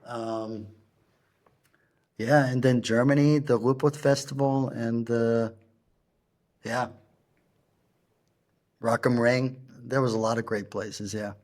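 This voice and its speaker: A middle-aged man speaks as an interview guest in a flat, even tone that barely rises or falls. His talk is halting and unpolished, full of pauses as he searches for the next word. Now and then he slips in a German word. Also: medium pitch. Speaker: guest, punk rock singer. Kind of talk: casual interview storytelling.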